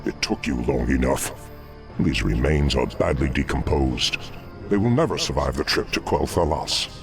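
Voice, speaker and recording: Very deep, gravelly demon lord. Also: male voice, expressive, moderate pace. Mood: commanding. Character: demonic dreadlord, scheming, commanding and haughty male. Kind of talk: fantasy video game acting. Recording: dramatic music behind the voice.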